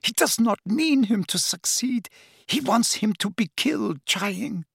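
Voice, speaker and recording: A frantic, weeping mother , played by a man pitched well above his own voice and swinging wildly in pitch. Her pleas come choked and tearful, with a husky, creaky grain. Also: sing-song, measured pace, dry recording, studio quality, heavily acted. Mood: pleading. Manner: choked, pleading, near tears. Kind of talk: audiobook character voice.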